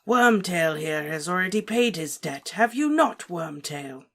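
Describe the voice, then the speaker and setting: A woman voicing a cold, cruel male dark wizard lord, speaking softly, slowly and with deliberate menace. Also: lowish voice, animated, pitched above the performer's own voice. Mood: menacing. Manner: soft, menacing, slow and deliberate.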